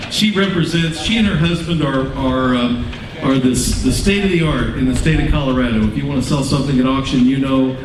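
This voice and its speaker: A man hosting a live contest, announcing and introducing guests on stage. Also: medium pitch. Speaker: contest host. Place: echoey event stage with PA. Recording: echoey, distant PA, clear noise.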